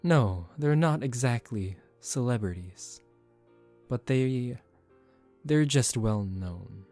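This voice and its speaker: In a soft-spoken ASMR roleplay, a man voices a composed young aristocratic vampire who is calm, formal and gently commanding, protective but secretive. His pitch is medium and his pace slow, with soft music in the background and a gentle, reassuring mood.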